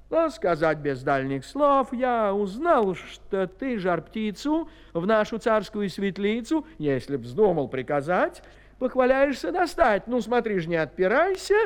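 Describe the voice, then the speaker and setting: A man voicing a bossy, hot-tempered old tsar in a fairy tale, shouting threats. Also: high voice, smooth, in a large hall, full character voice.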